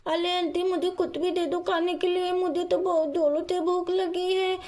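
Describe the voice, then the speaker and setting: A tearful little lost girl with a lisp, in a squeaky, very high voice, as a woman puts her on. She talks in clumsy baby talk for a doll storybook video. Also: little pitch movement, normal speed, darkish tone. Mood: pleading. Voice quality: childish lisp.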